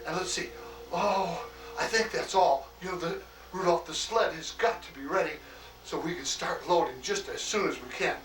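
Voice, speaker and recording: A man playing a hearty, fatherly old Santa Claus in an acted greeting monologue, chuckling often and talking in a slow, homely way full of "oh" and "why". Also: fairly high pitch, fairly bright tone, echoey room, far from the mic, soft background music, natural voice, low-quality recording. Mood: jolly.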